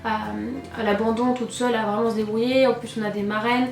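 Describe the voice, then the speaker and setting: A woman's voice: on the high side, little pitch movement, fast talker. A woman with a French accent from France, chatting enthusiastically through an unboxing, her voice thick with a cold and sore throat, as if her tonsils were swollen. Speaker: beauty vlogger and cosmetics brand ambassador. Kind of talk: casual chatty unboxing narration. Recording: roomy echo, distant mic, music.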